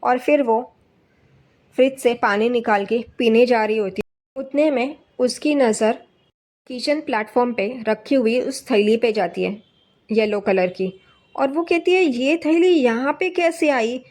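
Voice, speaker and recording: Woman narrator with a slightly high voice, relaxed recap of a serial, quotes characters without acting them. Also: measured pace. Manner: retells scenes and quotes characters' lines in a plain voice. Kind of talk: casual spoken recap narration.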